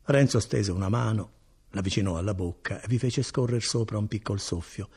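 A man narrating a classic novel as an audiobook reader, measured and storytelling. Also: on the low side, a little mellow, husky.

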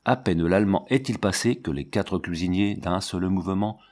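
A man reading a novel aloud in measured, steady audiobook narration. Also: low voice. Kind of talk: scripted literary narration.

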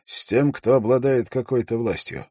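A man voicing a bearded older warrior who speaks in a quiet, calm, reassuring way. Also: medium pitch, normal speed, slightly rough, no room sound, studio quality, pitched above the performer's own voice, lightly acted.

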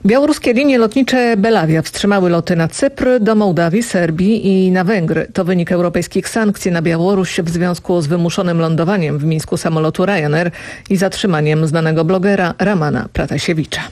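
A woman's voice: fairly low pitch, a little fast, dry recording. Woman reading radio news. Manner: steady, formal reading. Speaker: radio newsreader. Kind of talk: scripted news bulletin. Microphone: studio mic.

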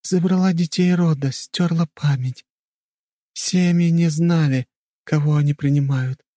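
Male narrator as a ghostly clan mother for an audiobook: lifted high, emotionless, stately and slow. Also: dry recording, clean studio sound, natural voice. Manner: flat, emotionless, like a recording; slow, measured, lofty pronouncements. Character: ancient female ghost, solemn clan matriarch. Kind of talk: audiobook character voice.

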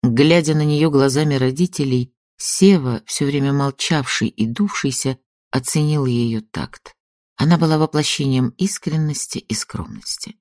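A man narrating a literary audiobook in a calm, evenly paced reading voice. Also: mid-range voice, moderate pace, dry recording, studio quality.

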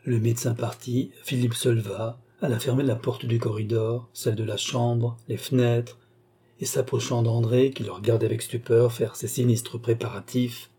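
Dark, husky male audiobook narrator. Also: medium pitch. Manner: measured, expressive storytelling.

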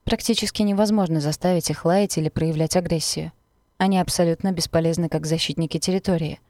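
A woman narrating a first-person novel for an audiobook, expressive and steady in her reading. Her voice sits on the low side, recorded dry and close with no room sound. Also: fast talker, no echo.

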